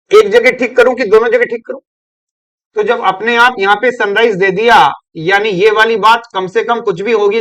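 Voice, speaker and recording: A man's voice: high-pitched, a bit bright. A man teaching an English grammar lesson, questioning and coaxing his students and repeating words. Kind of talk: classroom lecture.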